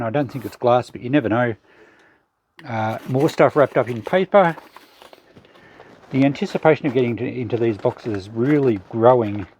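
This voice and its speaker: In this relaxed vlog, an Australian man talks through cleaning out his shed, musing and thinking aloud along the way. He speaks at a medium pitch with a slightly mellow tone.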